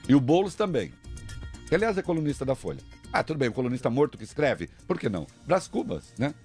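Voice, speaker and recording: A man from Brazil hosting an opinionated talk radio show, combative and sarcastic, mocking people with put-on voices and swinging from muttered asides to loud outbursts. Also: mid-range voice, very animated, fast, soft background music. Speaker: radio commentator.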